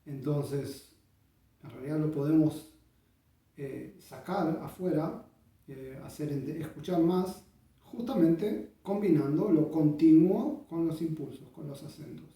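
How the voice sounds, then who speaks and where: A man explains bandoneon technique in a very dark, mellow voice pitched a little high. He talks thoughtfully with frequent pauses and sings out rhythms. He is heard from a distance in a strongly echoing room, with a bandoneon playing behind him. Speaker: bandoneon teacher. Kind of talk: instructional explanation.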